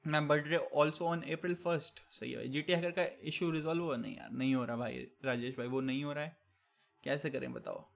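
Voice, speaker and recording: A man's voice: medium pitch, a little fast, gravelly. A young man live-streaming, reading out viewer chat with teasing banter and tossing in English catchphrases. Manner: mixes English catchphrases into Hindi. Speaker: game streamer.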